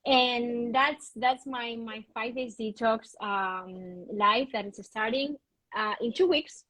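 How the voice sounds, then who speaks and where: A woman with a slightly high, somewhat bright voice speaks slowly as a guest on a video-call interview. She hosts a wellness retreat and describes her program earnestly and passionately. The recording is rough but has no room sound.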